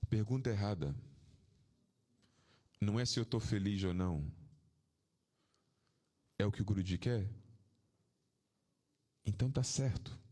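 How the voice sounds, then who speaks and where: A man speaks as a spiritual teacher in an informal talk to his devotees. He is reflective and tells personal stories, asks rhetorical questions, and often lets his voice sink into a soft, low register. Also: measured pace, long pauses.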